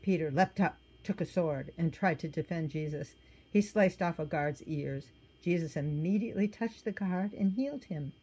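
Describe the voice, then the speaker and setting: Speaking at a normal pace in a husky, soft, lowish voice, a woman reads a storybook for children with gentle expression, sometimes stopping to explain the picture. The recording sounds rough.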